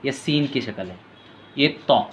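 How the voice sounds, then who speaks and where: A man teaching letter reading step by step. He calls out each letter name in a long, drawn-out tone, then explains quietly in a lower voice. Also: animated, slight background noise. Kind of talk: patient step-by-step reading lesson.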